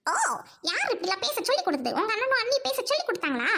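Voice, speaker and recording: Woman doing a shrill fast-talking bride, picks fights, audio drama. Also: sing-song, sharp tone, a little hiss or hum, full character voice. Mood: defiant. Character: sharp-tongued young bride, defiant and quarrelsome. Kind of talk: Tamil audio drama acting.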